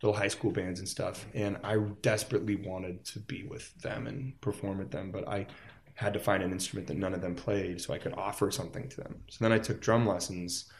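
A man's voice: low-pitched, steady tone, a little fast, vocal fry. A man from Las Vegas, a musician guest in a casual interview, telling stories in a rambling way with many fillers. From Las Vegas, United States.

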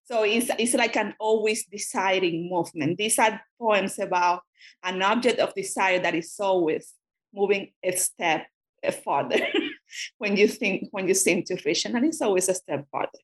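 A woman who grew up in Cuba, a native Spanish speaker, talks as a guest scholar in an academic interview. Her voice sits in a middle pitch. She thinks aloud, circling back and restarting phrases as she goes. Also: normal speed. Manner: thoughtful, frequent restarts.

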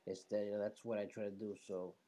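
A man's voice: on the low side, flat delivery, fast talker, background noise. A man hosting a show with casual, streetwise, slangy talk, sprinkling in Spanish words. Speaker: show host. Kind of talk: casual conversational interview talk.

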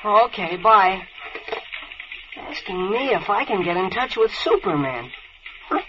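A man's voice: sits high, lively intonation, measured pace. An actor playing an eager, flustered teenage office boy in a 1940s radio play. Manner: boyish, flustered. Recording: noisy, dull vintage radio recording.

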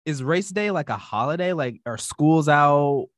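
A man co-hosting a casual podcast interview, laid-back and slangy, who gets excitable as he talks. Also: fairly high pitch, measured pace, no echo, clean studio sound. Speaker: podcast co-host.

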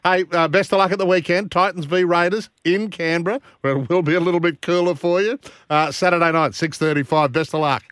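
Higher-voiced Australian man hosting sports radio. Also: steady tone, brisk, few pauses, fairly bright tone, smooth, no echo, studio quality. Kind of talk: casual radio interview and live sponsor reads.

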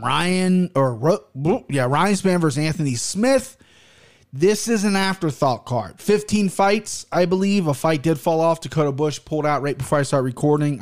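A man's voice: on the high side, darkish tone. American man podcasting through a barely opened mouth. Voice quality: talking with mouth barely open. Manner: blunt, rambling, profane. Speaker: podcast host. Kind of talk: casual solo podcast talk.

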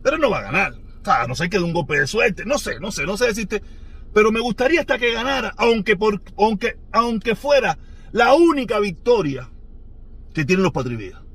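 A Cuban man with a Cuban Spanish accent hosting his podcast, who rants in an animated, mocking way and repeats himself often. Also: high voice, a little fast, slightly rough. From Cuba. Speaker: podcast host. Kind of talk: ranting commentary monologue.

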